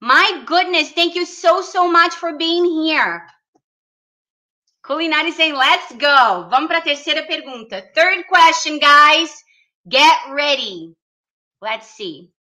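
A woman's voice: high voice, pushed and bright. A woman hosting a casual livestream, chatting and laughing as she reads viewer comments aloud. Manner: giggly, laughs often. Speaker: livestream host.

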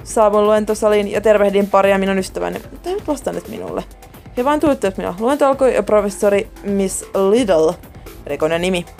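A woman's voice: medium pitch, darkish tone. A woman narrating a first-person horror story in a dramatic, scripted way. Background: faint music.

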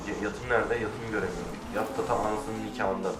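A man giving casual let's-play commentary, excitable, swearing and shouting at the game. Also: fairly low pitch, brisk, background noise. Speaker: gamer. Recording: roomy, distant mic with faint music.

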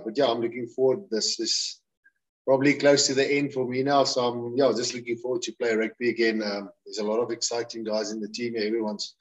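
South african guy, low voice, rugby player at a presser, plain n a bit hesitant. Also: rough recording. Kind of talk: press conference answers. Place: indoor press room, heard over video call.

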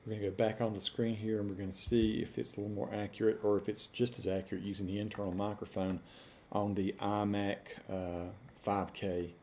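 Middle-aged male demo presenter, Appalachian accent, lowish pitch, very relaxed dark tone, deliberate casual delivery. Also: slight background noise. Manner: deliberate, spelling out punctuation while dictating. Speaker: software reviewer. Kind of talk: dictation test with casual commentary. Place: room at home, indoors.

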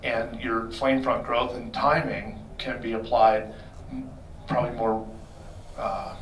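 This middle-aged engine expert from a performance shop explains things in a relaxed way during a technical Q&A in a hotel meeting room, correcting himself now and then as he speaks into a handheld mic. He has a mid-range, fairly bright voice, captured with roomy sound by a far-off camera amid slight background noise.

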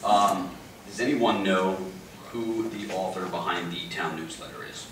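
A man's voice: low-pitched, steady tone, unhurried. A middle-aged man, a council member, speaking insistently and with frustration at a public meeting. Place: large meeting room indoors. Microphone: table microphone. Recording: echoey room, distant mic, background noise.

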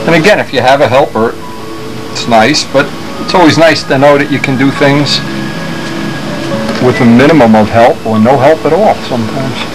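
With music in the background, a man of medium pitch and moderate pace takes long pauses while repairing a model plane. This hobbyist's hands-on how-to is casual and unscripted, full of thinking aloud, set in a noisy workshop with a steady machine hum.

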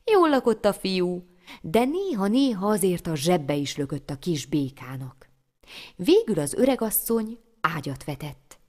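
A woman storyteller reading a folk tale aloud, lively and expressive with sudden exclamations. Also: lowish voice. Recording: long hall reverb.

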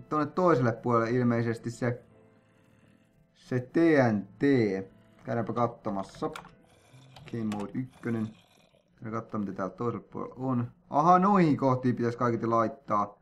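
A man giving let's-play commentary on his own gameplay, excitable and jokey, breaking into sudden yelps and sing-song noises. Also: mid-range voice. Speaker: gamer playing a player-made map.

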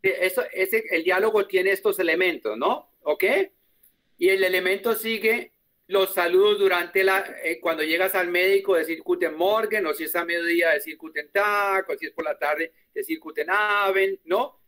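A man teaching a German lesson online, explaining patiently and repeating words slowly. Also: high voice, bright, forceful tone.

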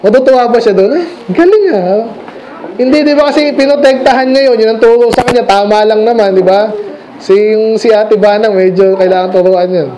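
High-voiced man preaching a conversational sermon. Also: fairly even intonation, a little fast, warm tone, slight background noise, low-quality recording. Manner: conversational, asks the congregation questions; mixes English phrases into his speech. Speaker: pastor. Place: church sanctuary.

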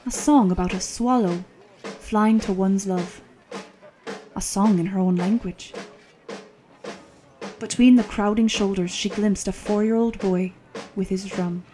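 A woman reading a historical novel aloud as an audiobook narrator, in a measured, calm storytelling manner. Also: mid-range voice, soft background music. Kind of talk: scripted narration.

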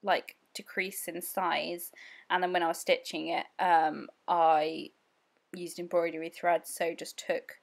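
A woman's voice: lowish voice, flat delivery, measured pace, creaky. A young woman giving a casual, rambling voice-over, giggly and full of fillers. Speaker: scrapbooking vlogger.

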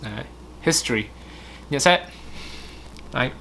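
A man, co-hosting and correcting pronunciation in a casual way, repeating words slowly to model them. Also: mid-range voice, fairly even intonation, fairly bright tone, slight background noise.

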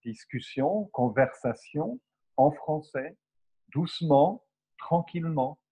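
A man's voice: a little high, animated, slow pace, warm tone, husky, rough recording. A man with a French accent, a guest in a casual chat, friendly and encouraging, repeating his words.

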